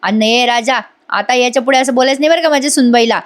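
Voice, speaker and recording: A woman voicing an elderly father who scolds and shouts at his son in a retold serial scene. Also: a little high, fast talker, lightly acted. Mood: scolding. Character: elderly father, stern, tearful, quick to anger.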